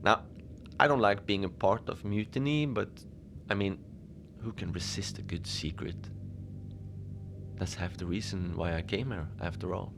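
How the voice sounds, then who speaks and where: For a fiction podcast radio log, a male actor plays an easygoing, whimsical lone Antarctic station manager who rambles on unbothered. His voice is deep with gravelly fry, and he speaks at a moderate pace against background noise. This first-person monologue is musing, conversational and confiding, deadpan even about absurd things.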